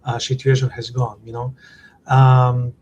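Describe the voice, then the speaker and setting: A man's voice: mid-range voice, monotone, unhurried, a little mellow, dull audio, slight background noise. A man moderating a panel discussion, asking questions hesitantly with many fillers.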